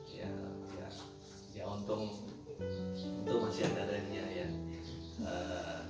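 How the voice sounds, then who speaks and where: A man's voice: on the low side, lively intonation, slow, over loud music. A man giving a conversational sermon, joking with his congregation. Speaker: preacher. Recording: echoey room, mic from a distance.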